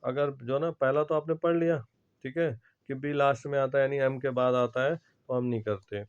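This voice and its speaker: A male teacher explains rules to his students step by step, checking understanding after nearly every phrase. His pitch sits in the middle range. The recording is a little dull and lo-fi. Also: steady tone, moderate pace, smooth. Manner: repeats "ठीक है" and "जो है ना" constantly, explains step by step. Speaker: English teacher. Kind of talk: classroom lesson to students.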